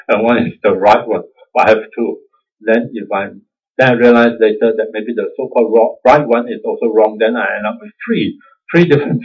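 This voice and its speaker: On a dull lo-fi recording, a Singaporean-accented Buddhist teacher delivers a casual dharma talk. His fairly low voice carries a breathy quality, and he keeps things conversational and self-deprecating, often breaking into chuckles.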